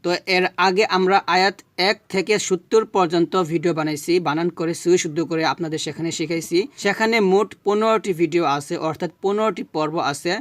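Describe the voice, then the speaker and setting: A man teaching Quran recitation, spelling out Arabic syllables slowly and correcting pronunciation. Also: high voice, dry recording.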